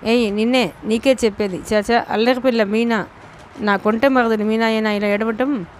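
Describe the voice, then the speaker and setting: A woman reading an audiobook novel, voicing a caring young man who speaks softly and coaxingly. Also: on the high side, fairly even intonation, normal speed, slight background noise, lightly acted. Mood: soothing. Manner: soft, soothing, coaxing. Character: caring young man, gentle and protective cousin.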